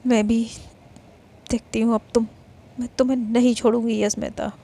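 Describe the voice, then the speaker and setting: A fiercely loyal young woman, pitched a little higher and sounding insistent as she talks, as a woman narrating a story puts her on. The voice keeps a gravelly, mellow grain. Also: level tone, moderate pace. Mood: indignant. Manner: indignant, vowing, insistent.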